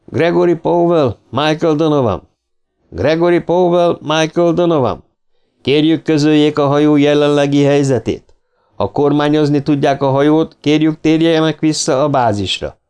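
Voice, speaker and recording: A man's voice: fairly high pitch, darkish tone, smooth, pitched above the performer's own voice, natural voice. A man voicing a spaceship's relentless mechanical announcement voice, repeating its orders insistently. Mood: commanding.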